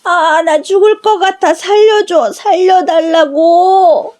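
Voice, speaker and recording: Desperate damned soul voiced by a woman, wailing, pleading, high and strained. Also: moderate pace, mellow, lightly acted. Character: tormented damned soul screaming in hell.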